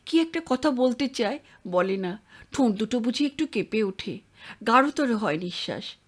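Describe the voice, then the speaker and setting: A woman narrating a literary audio story in a measured reading voice. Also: a little high, lively intonation.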